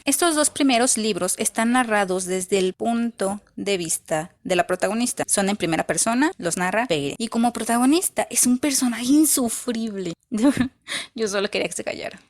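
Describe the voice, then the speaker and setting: A woman's voice: fairly high pitch, normal speed. A woman giving a casual, opinionated book review, blunt and emphatic, with dry sarcastic asides.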